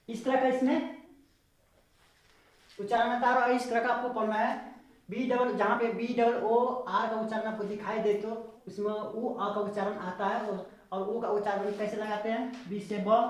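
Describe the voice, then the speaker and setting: A woman with a fairly high voice gives a spoken English lesson, going slowly and spelling each word out letter by letter. She keeps asking whether the viewer has got it. Her voice rings in a very echoey room. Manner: slow, repetitive, spelling words out letter by letter; asks the viewer questions to check understanding. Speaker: English pronunciation teacher.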